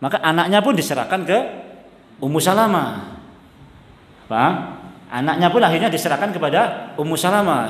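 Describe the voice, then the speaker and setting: Chatty preacher in echoey hall. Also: male voice, on the high side, a bit bright. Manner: chatty, keeps checking the audience understands, laughs often; mixes in Javanese phrases and chants Arabic text. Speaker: Islamic preacher. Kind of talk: religious study lecture. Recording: echoey hall, long reverb.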